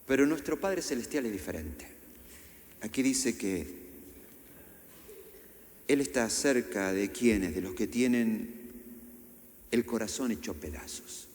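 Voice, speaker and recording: A man's voice: mid-range voice, slow, long pauses, darkish tone. A middle-aged man with a Rioplatense Spanish accent preaching a sermon in a church, acting out quotes with sudden raised voices. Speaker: pastor. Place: church hall. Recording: echoey church hall, faint ambience.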